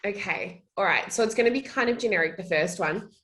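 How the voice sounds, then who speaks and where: A woman's voice: medium pitch, expressive, fairly quick, a bit bright. A young woman from Australia, a social media manager, chatting in a casual interview and laughing often.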